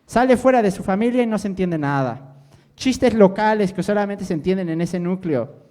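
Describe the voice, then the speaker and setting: A man's voice: high-pitched, normal speed, mellow. A man giving a lecture as a language teacher, constantly checking in with the audience and joking with them. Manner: quizzes the audience with constant "¿sí?" and jokes. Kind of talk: interactive lecture to students.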